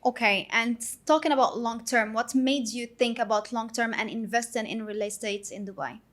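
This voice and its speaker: A woman hosts a relaxed podcast conversation, her voice sitting a little above the usual pitch. She asks questions in a steady, friendly way, speaking as a property agent. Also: moderate pace. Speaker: podcast host and real estate agent. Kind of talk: casual podcast interview.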